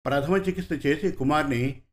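A man narrating an audio serial story in a steady, measured reading. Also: fairly high pitch.

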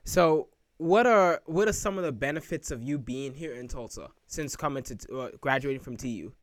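A man's voice: mid-range voice, moderate pace, dry recording, studio quality. A man hosting a faith podcast interview, upbeat and effusive as he welcomes listeners and asks questions. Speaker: podcast host.

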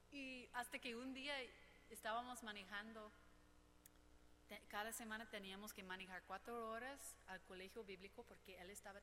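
Bright-voiced woman preaching in a hall. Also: medium pitch, a little hiss or hum. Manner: personal, humorous storytelling with quoted voices. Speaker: preacher at a women's gathering. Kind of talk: sermon.

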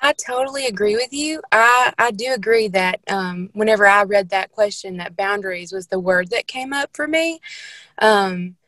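A woman in her late twenties speaking in a soft-spoken, somewhat hesitant way as a panel guest. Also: medium pitch, normal speed, dry recording, poor audio. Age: late 20s. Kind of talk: casual discussion.

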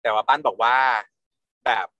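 A man's voice: moderate pace, sharp tone, no echo, muffled recording. Guy casually gossiping through a show recap, blunt slang, laughs a lot, dry close sound. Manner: chatty, laughs often, blunt slangy storytelling.

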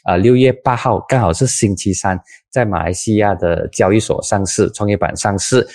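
Low-voiced Malaysian Mandarin-speaking male host. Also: moderate pace, a little mellow, no room sound, studio quality. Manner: conversational, uses many filler particles. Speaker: news talk show host. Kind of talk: casual news chat with a guest.

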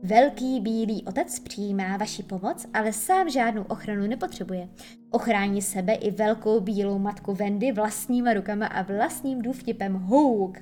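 A woman's voice: mid-range voice, a little mellow, soft background music, natural voice. A woman reading a storybook voicing Peter Pan, a boastful, puzzled boy leader. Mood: solemn.

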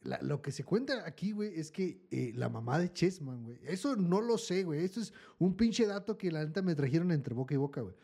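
A man's voice: fairly high pitch, expressive, fairly quick, gravelly, few pauses, warm tone, husky. A young man with a Mexican Spanish accent, co-hosting a podcast and telling rambling neighborhood anecdotes full of slang fillers. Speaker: podcast co-host. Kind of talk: casual chat.

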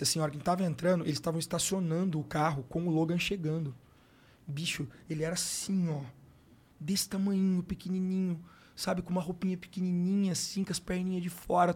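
A man's voice: high-pitched, level tone, a little fast, a little mellow. Slangy Brazilian man telling a story. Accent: Brazilian Portuguese. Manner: slangy, emotional, frequent filler words like "cara" and "brother". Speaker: podcast guest, sports coach. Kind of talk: casual storytelling.

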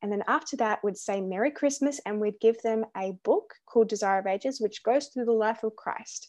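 In this casual faith podcast chat, the young female host talks at a brisk clip, her mid-range voice a touch mellow. Her tone is earnest and encouraging, though frequent ums and false starts break up her speech.

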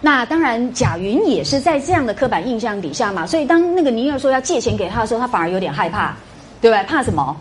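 A woman's voice: on the high side, animated, fast, slight background noise. A middle-aged woman giving a classroom lecture, quizzing her students with rhetorical questions and tag particles. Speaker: university lecturer.

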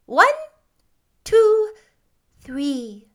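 A woman's voice: very high-pitched, animated, a little slow, pushed and bright, pitched above the performer's own voice, full character voice. A woman voicing a kind, solemn little old witch in a storybook reading. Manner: solemn, instructive.

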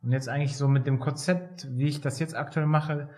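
A man in his thirties from Germany, a physiotherapist talking as a podcast guest in a relaxed way, with many fillers and hesitations. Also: a little high, a little fast. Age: 30s. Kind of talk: casual interview talk.

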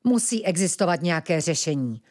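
A woman's voice: fairly low pitch, expressive, darkish tone, natural voice. A woman voicing a bold, impatient young male animal who is a brother, in an impulsive, eager manner.

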